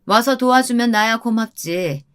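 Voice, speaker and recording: A woman voicing a senior executive's wife who speaks calmly and talks down to others. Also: fairly high pitch, normal speed, clean tone, lightly acted. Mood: condescending. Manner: calm, lofty, talks down casually.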